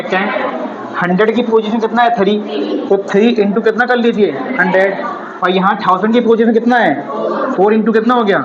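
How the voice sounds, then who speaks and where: A high-pitched man teaching a maths class in a classroom. He explains step by step, repeats his points and keeps asking the class questions that he answers himself. The room is echoey and the recording sounds dull, with faint noise behind him. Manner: slow and repetitive explaining. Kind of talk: classroom lesson.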